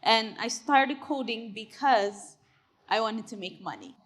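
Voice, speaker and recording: Young woman from Ethiopia, fairly high voice, earnest conference speaker, casual fillers, tech CEO presenting. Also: lively intonation, a little slow, fairly bright tone. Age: 20s. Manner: earnest, conversational, with frequent fillers and "right?". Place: conference hall stage.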